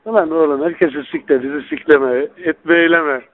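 A man's voice: fairly high pitch, steady tone, brisk. A man talking informally on the phone, blunt and coarse, swearing in a familiar way. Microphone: telephone. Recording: narrow, tinny recorded phone line.

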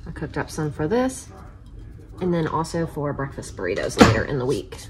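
Cooking in her home kitchen, a thirtysomething homemaking vlogger narrates casually, thinking out loud while she works. She sounds very animated, low-pitched and at a normal speed, and clicks and kitchen noise run through the audio.

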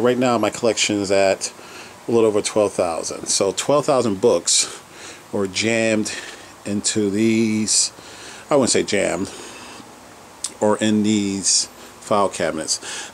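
Man, low voice, unhurried, rambling basement-tour vlog narration listing items, faint room hum behind. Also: poor audio. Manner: rambling item-by-item listing with fillers. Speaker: collector giving a home tour. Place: home basement.

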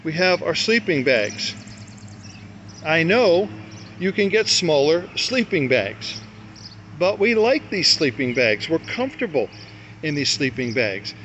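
Speaking slowly but very animatedly, an older man with a higher, slightly bright voice rambles folksily about his camping gear at a grassy campsite, fixing his own slips along the way. He's a motorcycle camping vlogger, recorded with dull, lo-fi outdoor sound and faint noise.

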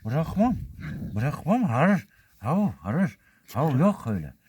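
A man's voice: on the high side, sing-song, slow, darkish tone, breathy edge. A man vlogging in a village yard, playfully teasing and talking to his puppies, mock crying for help as they nip him. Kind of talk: casual chat with puppies.

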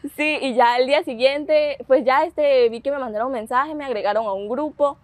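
Recorded with no echo, a young woman in her twenties, a pageant contestant with a Mexican Spanish accent, speaks at a moderate pace in a high-pitched voice. In an interview she eagerly recounts her story, laughing a lot and quoting dialogue along the way.

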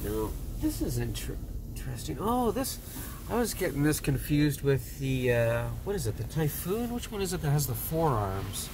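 A man's voice: a little high, very animated, normal speed. Rambling man filming from his van. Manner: musing, rambling with many fillers. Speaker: car wash reviewer. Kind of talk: casual vlog commentary. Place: inside a van going through a car wash. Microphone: phone camera in the driver's seat. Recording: noisy car wash recording.

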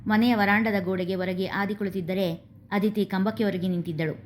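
Give me a woman narrating an emotional family drama, steady and expressive. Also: mid-range voice, a little fast, a little hiss or hum. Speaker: storyteller. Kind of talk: scripted story narration.

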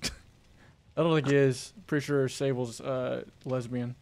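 A man hosts a gaming livestream in relaxed chat. He jokes around and teases his friend in a self-deprecating, offhand way. His voice sits at a middling pitch. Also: unhurried, gravelly. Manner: joking, self-deprecating banter. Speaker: streamer.

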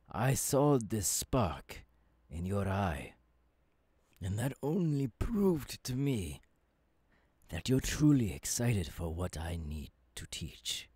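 A man playing an eager, kindly professor mentoring an apprentice in an ASMR roleplay, with halting, dramatic pauses. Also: on the low side, warm tone, breathy edge, no echo, heavily acted. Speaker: voice actor, ASMR artist.

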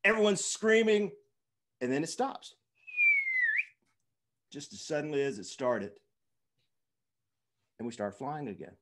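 Animated storytelling keynote man. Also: fairly high pitch. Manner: dramatic storyteller, halting with many fillers and restarts. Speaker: keynote speaker.

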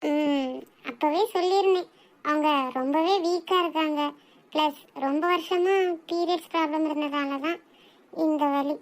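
Cartoon drama: a woman playing a calm female doctor, very high-pitched, explains gently. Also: normal speed, natural voice. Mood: reassuring. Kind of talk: amateur cartoon voice acting.

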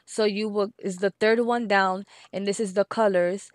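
A woman with a Spanish accent talks through a software craft tutorial step by step, slowing down to repeat each number. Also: mid-range voice, fairly even intonation, no echo. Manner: patient, repeats steps and numbers slowly.

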